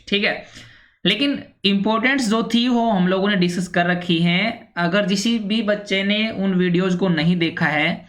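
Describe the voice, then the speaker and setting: A woman teaches an English grammar lesson at a steady, patient pace. She keeps repeating herself and tags her sentences with small check-in fillers as she walks through examples. Her voice sits at an ordinary middle pitch. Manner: repetitive, with constant "theek hai" and "ji" fillers. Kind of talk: explanatory lesson.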